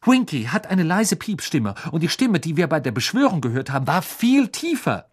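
A man's voice: fairly high pitch, very animated, moderate pace, slightly rough, pitched above the performer's own voice. A man voicing a clever teenage girl who speaks up nervously but firmly. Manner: nervous but firm, explaining.

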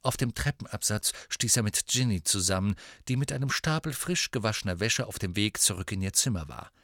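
A man narrating an audiobook in scripted, expressive storytelling. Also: fairly low pitch, fairly quick, no echo, studio quality.

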